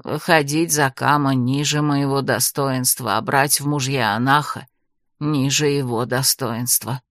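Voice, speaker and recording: A woman voicing a weary old half-blood witch who grumbles and scolds in a lower, slower voice. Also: steady tone, dry recording, clean studio sound. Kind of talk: audiobook character voice.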